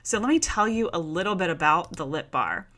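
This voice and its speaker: A woman's voice: fairly low pitch, expressive, a little fast, a bit bright. A woman, hosting a casual solo podcast and chatting informally to listeners. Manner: chatty and informal, addressing listeners as "you guys" and "y'all". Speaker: podcast host.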